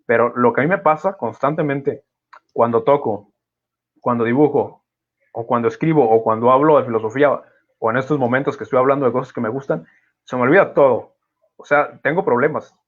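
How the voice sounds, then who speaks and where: A thoughtful podcast host speaks in a brisk, medium-pitched male voice, reflecting as he goes with lots of fillers and hesitant restarts. It's a casual conversation, captured in dull, muffled lo-fi audio.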